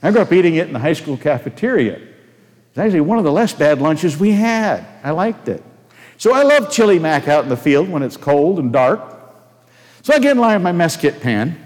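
A man's voice: fairly high pitch, sing-song, moderate pace. An older man preaching a sermon, folksy and anecdotal, telling personal stories and asking the congregation questions. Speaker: pastor. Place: church sanctuary. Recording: long hall reverb. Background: long hall reverb.

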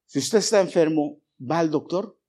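Animated high-voiced male preacher. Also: moderate pace, slightly rough. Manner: animated preaching, rising and dropping in volume; asks the congregation questions. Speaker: pastor. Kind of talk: sermon. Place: church.

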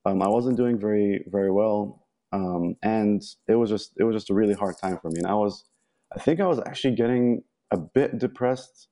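A young Egyptian man, appearing as a podcast guest, chats casually in an interview, with plenty of ums and restarts. His voice is lowish and warm, and he talks at a moderate pace.

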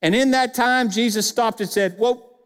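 A man preaching a sermon as pastor, emphatic and dropping his voice low on key phrases. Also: moderate pace, smooth. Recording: long hall reverb.

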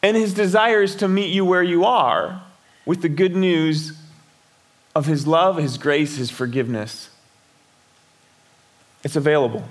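A middle-aged male pastor delivers a sermon in a relaxed, conversational way. His voice sits slightly high, and he often repeats a word before going on. He keeps asking the listeners questions. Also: unhurried, pauses often. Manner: conversational preaching with repeated words and rhetorical questions.

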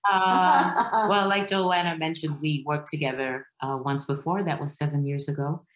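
A low-pitched woman, an actress raised in Berlin, talking about her work in a hesitant way, dotted with "uh"s. The sound is a little dull and carries a roomy echo. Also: steady tone. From Berlin, Germany. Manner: hesitant, full of "uh"s and quick asides. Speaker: stage actress. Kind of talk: casual interview chat. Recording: echoey room, slightly dull sound.

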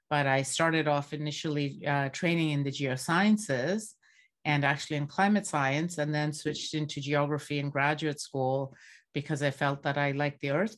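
A woman from Bangladesh, a geography professor, answering interview questions in a measured, academic way. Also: deep voice.

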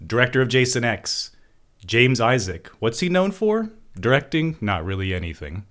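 A man's voice: mid-range voice, very animated, normal speed, a bit bright. A man hosting a comedic podcast with a theatrical announcing manner. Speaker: podcast host.

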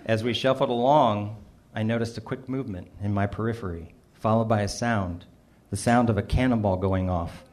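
A man's voice: on the low side, slight background noise. Wry middle-aged man telling a story. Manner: dry, self-mocking delivery with small laughs. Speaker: narrator reading his personal essay. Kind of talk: first-person storytelling, wry and humorous.

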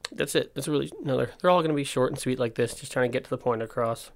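A man's voice: medium pitch, quick pace, vocal fry. A man talks into his podcast in a loose, informal way. His missing front teeth give his speech a slight lisp. He rambles candidly and often cuts himself off to rephrase. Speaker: podcast host and skate park owner. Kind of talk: casual solo podcast talk.

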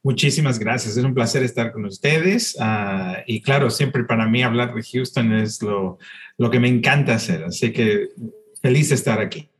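A man's voice: medium pitch, moderate pace. A middle-aged man from Chile, a podcast guest telling his story in a chatty way, often restarting and repeating words. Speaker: podcast guest, city tourism promoter. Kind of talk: casual interview.

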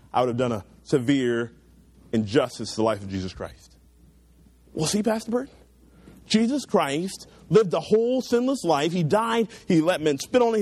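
Earnest young man preaching to a youth group. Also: a little mellow. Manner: earnest, emphatic preaching with rising pitch on key points. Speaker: youth pastor. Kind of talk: sermon.

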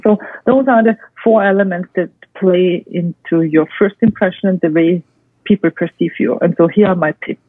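Over a dry, tinny line that sounds like a phone, a guest expert with a non-native English accent lays out structured advice, stressing and repeating each point in a list. She speaks at normal speed in a fairly low, husky voice, with no room sound.

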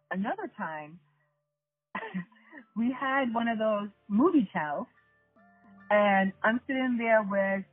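Woman, 30s to 40s, husky, animated storyteller, tinny phone-like sound, faint music. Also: medium pitch. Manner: animated, laughing often, addresses listeners directly. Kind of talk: casual storytelling chat.

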